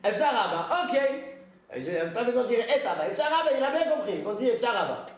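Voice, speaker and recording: A man's voice: very high-pitched, very animated, fast talker. A man, a rabbi, giving an informal religious lesson, telling stories and putting questions to his listeners. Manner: conversational storytelling, questions the audience. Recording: very echoey room.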